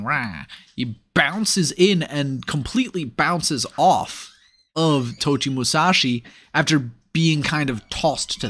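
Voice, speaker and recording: A man's voice: medium pitch, fairly bright tone. A man giving a casual, analytical voice-over breakdown of sumo matches, upbeat and with playful asides. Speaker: sumo commentator. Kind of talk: casual play-by-play video breakdown.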